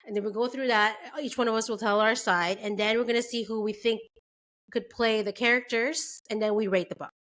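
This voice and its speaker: A chatty young woman from Canada hosts a relaxed book club talk over a video call. Her voice sits a bit high, and she fills her speech with ums and quick laughs. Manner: chatty, laughs often, many fillers. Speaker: book club podcast host. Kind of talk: casual chat.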